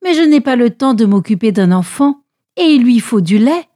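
A woman voicing a kind young princess in a children's Bible storybook, speaking softly and regally. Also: on the high side, expressive, normal speed, natural voice. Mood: gentle.

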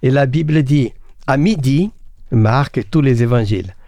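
A man teaching the Bible in a relaxed conversation. He speaks earnestly and asks rhetorical questions, with frequent fillers and restarts. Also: medium pitch, moderate pace, dry recording.

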